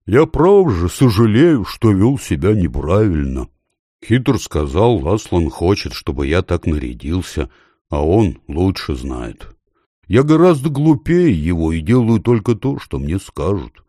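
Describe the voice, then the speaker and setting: A man reading an audiobook, voicing a meek, simple-minded male donkey who speaks slowly and apologetically. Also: deep voice, very animated, mellow, dry recording, studio quality, full character voice. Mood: sheepish. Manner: slow, sheepish and apologetic.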